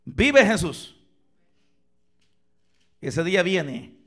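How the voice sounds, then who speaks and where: A man preaching a sermon in a church, asking the congregation questions and swinging from loud cries to near-whispers. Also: high voice, sing-song, very slow. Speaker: pastor. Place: church sanctuary, filmed for online viewers.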